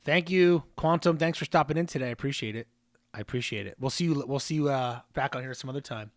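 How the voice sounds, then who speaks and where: A man hosts a live stream in a casual, chatty way, answering viewer comments as they come in and cracking jokes along the way. His voice is mid-pitched and recorded close and dry. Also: fast talker, no room sound. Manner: chatty, joking, reads viewer comments aloud. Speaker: livestream host.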